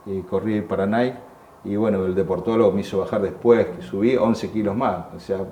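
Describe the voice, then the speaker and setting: Older Argentine man, low and mellow, recorded in an echoey room. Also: fairly even intonation. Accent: Argentine Spanish. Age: 60s. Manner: halting, repeats words, acts out quoted voices. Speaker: war veteran interviewee. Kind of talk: emotional personal testimony. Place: museum room. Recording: echoey room with faint background hum.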